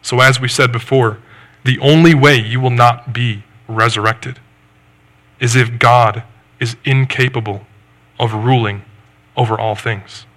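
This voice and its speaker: A male pastor delivering a sermon in an earnest, measured way. His voice is bright and forceful, pitched in a middle range. He builds his points with reflective questions. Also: steady tone.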